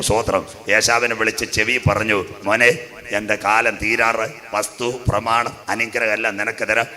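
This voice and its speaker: Bright-voiced preaching pastor. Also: male voice, lowish voice. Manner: storytelling with jokes, rising to loud preaching. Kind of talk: sermon.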